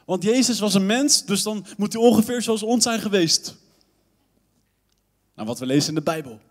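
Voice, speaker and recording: Young Dutch youth pastor, lively sermon with playful asides, reverberant church hall. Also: male voice, high-pitched, normal speed.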